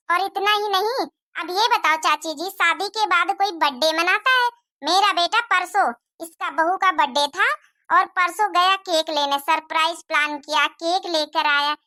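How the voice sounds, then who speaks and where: A jealous cartoon mother-in-law, as a woman voices her rants on and on about her son's wife. Her voice sits very high and rings bright and sharp, always scolding. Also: no echo, clean studio sound. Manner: scolding, complaining at length. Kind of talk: Hindi cartoon moral-story voice acting.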